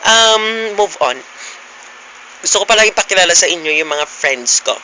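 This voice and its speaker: A man's voice: high voice, animated, normal speed, pushed and bright, a little hiss or hum, rough recording. A young man vlogging casually, teasing his friends playfully with frequent giggles. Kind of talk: casual vlog chat.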